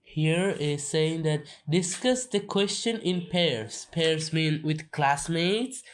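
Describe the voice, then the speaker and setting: Male reader, slow and halting, coughing, textbook read-along. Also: on the high side. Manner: slow, halting, many restarts and fillers. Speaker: self-taught reader on a video channel. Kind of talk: reading a textbook aloud with explanations.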